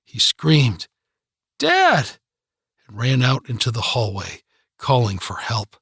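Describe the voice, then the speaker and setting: A man narrates an audiobook in a calm, measured way. His pace is slow and his voice slightly husky, and the dry, close recording has no room echo. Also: mid-range voice. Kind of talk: scripted narration.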